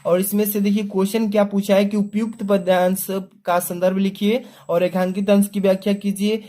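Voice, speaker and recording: A young adult male teacher walking students through an exam paper, explaining step by step and reading verse aloud slowly. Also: high voice, little pitch movement, warm tone. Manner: explanatory, repeats "ठीक है" and "देखिए", slows down to read verse aloud; clears throat often.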